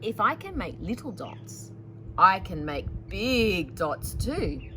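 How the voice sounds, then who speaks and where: A woman's voice: mid-range voice, very animated, slow pace, a bit bright, slight background noise. A woman voicing a discouraged, stubborn little schoolgirl in a picture book, with sulky, emphatic delivery. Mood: determined.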